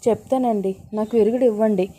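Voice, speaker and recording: A woman's voice: medium pitch, steady tone, fast talker, dark tone, close to an everyday voice. A woman voicing a frightened young woman receptionist who pleads nervously. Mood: pleading.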